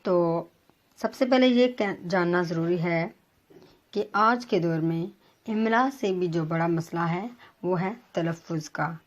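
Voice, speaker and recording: A woman teacher giving a pronunciation lesson to students, reading words slowly and spelling out their vowel marks with frequent hesitations. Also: lowish voice, muffled recording. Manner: careful, formal delivery with frequent hesitations. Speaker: Urdu teacher.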